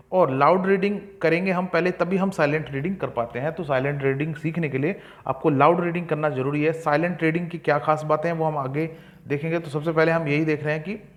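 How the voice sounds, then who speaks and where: Teaching exam prep, a young man with a fairly high pitch reads the English points slowly. His explanations come in Hindi, peppered with frequent fillers.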